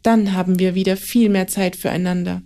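A woman's voice: fairly low pitch, fairly even intonation, fairly quick, lightly acted. A woman voicing a delighted mother. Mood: happy. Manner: bright, delighted, lilting. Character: cheerful mother, warm and happy.

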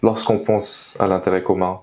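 A young engineer is being interviewed in a small indoor meeting room, recorded on a clip-on lapel mic. His voice is low and somewhat dark, his delivery flat at a moderate pace. He lays out his views earnestly and emphatically, coming back to key phrases again and again.

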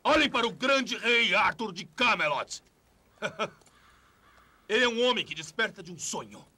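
An actor playing a menacing dark lord, a tyrannical warlord, with a husky Brazilian Portuguese voice in a domineering, taunting film-dub delivery. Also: male voice, high voice, animated, normal speed, exaggerated voice. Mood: mocking. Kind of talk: dubbed film drama acting.

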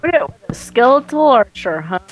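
Blunt, teasing woman gamer; pitch leaps wildly, faint hiss. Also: very animated, normal speed, low-quality recording. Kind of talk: casual chat while playing.

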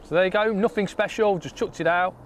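A man's voice: high voice, steady tone, fairly quick, slight background noise. A man, explaining his fishing approach step by step in a casual, practical way, outdoors at a lakeside with a lapel mic. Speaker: angler demonstrating.

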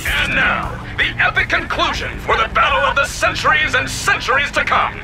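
An actor playing a bombastic game arena announcer with a booming prize-announcer delivery and drawn-out shouted names. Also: male voice, over loud music, poor audio. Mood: booming hype. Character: bombastic male arena race announcer hyping monster battles. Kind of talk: theatrical sports commentary in a video game.

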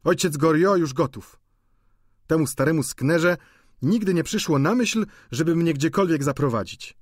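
Audiobook figure: shrill, gossipy older landlady, voiced by a man, high and exclaiming. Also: animated, normal speed, no room sound, clean studio sound. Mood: scolding.

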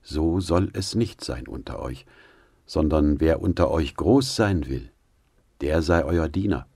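A man reading the words of Jesus in a scripture audiobook, in a solemn, measured way. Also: extremely low pitch, animated, creaky, dark tone, slightly rough, dry recording, studio quality, heavily acted. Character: Jesus, calm authoritative male teacher.

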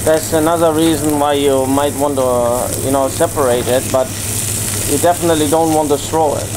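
Halting middle-aged man chef explaining. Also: fairly high pitch, steady tone, background noise. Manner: halting, short phrases, explains step by step. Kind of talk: casual cooking demonstration. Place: indoor kitchen demo set at a market.

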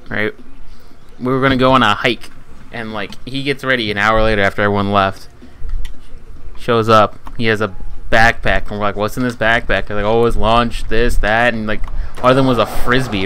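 Bright-voiced swearing young man streamer. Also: lowish voice, a little hiss or hum. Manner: loud, swearing, joking storyteller. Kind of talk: casual group chat on stream. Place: hot room without air conditioning.

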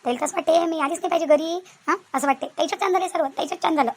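A fretful old village mother-in-law in a cartoon, griping and suspicious. Her voice sits high and the words tumble out at a breakneck clip. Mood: grumbling. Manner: complaining, suspicious, rapid chatter. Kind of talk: cartoon voice acting.

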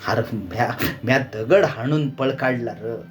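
A man voicing a frightened rustic village father who talks in rough village speech and calls out anxiously. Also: mid-range voice, measured pace, close to an everyday voice. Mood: sheepish.

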